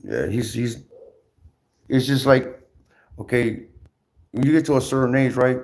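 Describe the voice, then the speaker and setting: A man ranting casually on his livestream, rambling and repetitive, with lots of slang, swearing and halting restarts. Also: medium pitch, gravelly, a little mellow.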